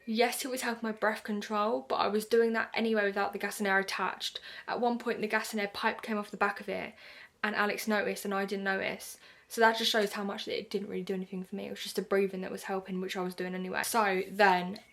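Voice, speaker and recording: A woman's voice: mid-range voice, little pitch movement, fast talker, a bit bright. A young woman from the UK telling a personal story to camera in a chatty way, full of "like" and acted-out quotes. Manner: chatty, lots of "like", acts out her own quotes. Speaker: vlogger.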